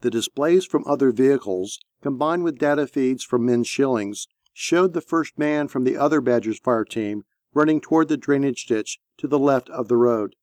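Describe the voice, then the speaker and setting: A man reading a military novel aloud as narrator, with a steady, measured delivery. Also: mid-range voice, dry recording, studio quality. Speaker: audiobook narrator. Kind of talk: scripted narration.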